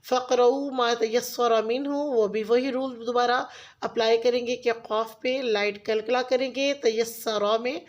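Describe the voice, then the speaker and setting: A woman with a Pakistani Urdu accent teaches Quran recitation in a patient, step-by-step way. Her voice sits a little high, and she slows down to sound out each Arabic word carefully before explaining the rule. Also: fairly even intonation. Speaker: tajweed teacher.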